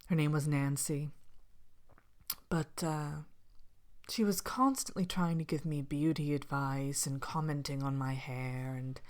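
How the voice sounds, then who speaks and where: Hosting a character Q&A show, a woman plays a haughty, vain evil fairy-tale queen in ASMR role-play, answering questions softly and partly in a whisper. Her low voice stays steady as she sounds disdainful and gossipy, pompous and languid, drawing out words with theatrical scorn.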